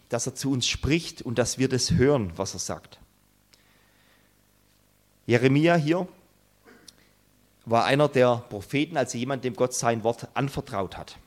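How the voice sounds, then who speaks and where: Male preacher, sermon delivery, earnest, emphatic, pausing for effect, mid-pitched voice. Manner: earnest, emphatic, with dramatic pauses.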